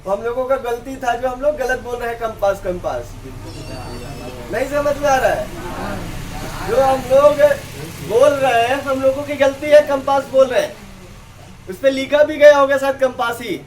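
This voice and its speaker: High-voiced male teacher quizzing a class. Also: moderate pace, pauses often, slight background noise. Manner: keeps quizzing the class with either-or questions and repeats answers. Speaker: English teacher. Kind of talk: classroom teaching in call-and-response. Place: classroom with students. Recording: distant classroom recording with student chatter.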